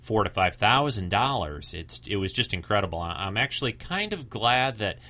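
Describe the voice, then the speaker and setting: A man's voice: fairly low pitch, very animated, moderate pace, sharp tone. A man hosting a show with casual, rambling commentary, informal and a bit hesitant. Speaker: podcast host.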